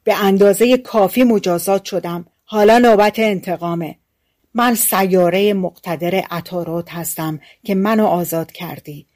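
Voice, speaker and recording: A woman reading an audiobook, voicing a vengeful male spirit freed from a bottle that shouts threats and later pleads. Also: mid-range voice, natural voice. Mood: menacing. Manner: loud and menacing, turns pleading.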